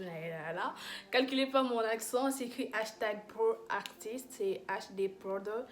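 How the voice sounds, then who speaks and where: Chatty young woman gushing over makeup. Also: mid-range voice. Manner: chatty, gushing, many fillers and restarts. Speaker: beauty vlogger. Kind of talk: casual makeup review vlog.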